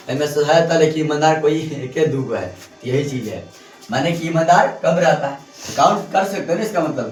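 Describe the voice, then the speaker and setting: Teacher guy in class, kinda high voice, echoey room, far from the mic. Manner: repetitive, questioning the students. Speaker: English teacher. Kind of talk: classroom lesson explaining grammar. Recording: echoey room, mic at a distance, faint music.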